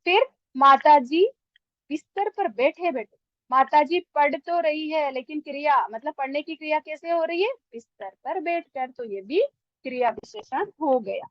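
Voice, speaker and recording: A young woman teaches grammar in a high voice, asking her class questions and answering them herself, with English words sprinkled through her Hindi. The sound is dry and a little dull, like a home lo-fi recording. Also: expressive, a little slow, dry recording. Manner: asks and answers her own questions, repeating example sentences. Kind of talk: explaining grammar to students.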